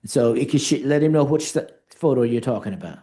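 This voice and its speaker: A man's voice: mid-range voice, lively intonation, fairly quick, dark tone. A man chairing a hearing, giving directive procedural instructions and cutting in on others. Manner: directive, interrupting. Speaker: board chair running a hearing.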